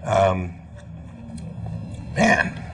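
A man co-hosting a studio talk show, joking in a deadpan way while he eats. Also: low-pitched, drawn-out words. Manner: jokey, deadpan, talks while eating. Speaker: co-host.

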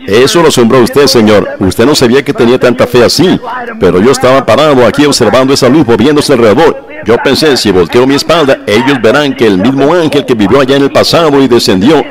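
Fervent male preacher's voice. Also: medium pitch. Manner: fervent, exclaiming praise and addressing listeners directly. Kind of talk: translated sermon voice-over.

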